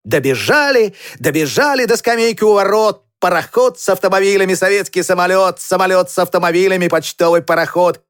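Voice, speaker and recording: A man's voice: high voice, brisk, few pauses, smooth, dry recording, clean studio sound. A man reading children's poems aloud with a rhythmic, sing-song delivery. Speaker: reader.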